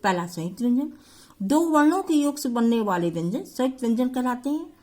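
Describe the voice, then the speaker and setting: A woman's voice: high-pitched, sing-song, a little fast, a little mellow. A woman teacher explaining a school grammar lesson step by step to her pupils.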